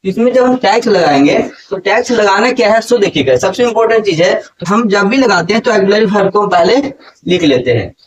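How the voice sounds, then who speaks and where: A man's voice: high voice, animated, a little fast. A man teaching a grammar lesson to a classroom, often asking his students questions and repeating key points. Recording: distant, light background noise.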